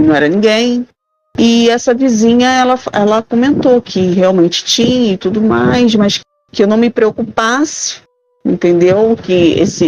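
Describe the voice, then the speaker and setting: A middle-aged Brazilian woman, medium-pitched and speaking with a Brazilian Portuguese accent, calls in to tell her own ghost story. She hesitates and searches for words as she recounts the haunting. The recording is dry and low in quality.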